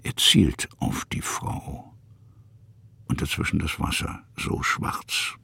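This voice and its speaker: Playing a musing male storyteller, an actor narrates a literary radio drama in measured, fragmentary phrases. His voice is gravelly and husky but bright and forceful in tone, and the recording is dry.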